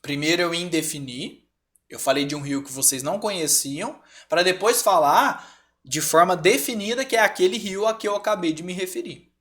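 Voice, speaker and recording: A Brazilian man teaching a grammar class online, lively and often checking in with his students. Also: high voice, normal speed. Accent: Brazilian Portuguese.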